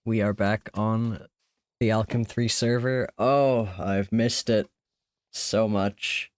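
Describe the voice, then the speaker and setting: Speaking slowly in a fairly low, fairly even voice, this man rambles through casual live-stream chat as he games, letting out small laughs. He's sick, a bit hoarse and worn out, and the desk mic gives a dry sound.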